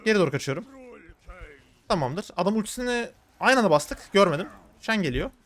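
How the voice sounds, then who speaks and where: A man giving live commentary on his own gameplay, talking to viewers in an excitable, slangy way. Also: high voice, brisk. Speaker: gaming streamer.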